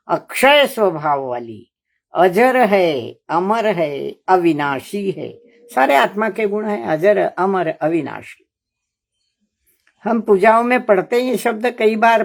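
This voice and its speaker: A woman lecturing on a religious epic poem, explaining slowly and deliberately and repeating phrases for emphasis. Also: on the low side, creaky.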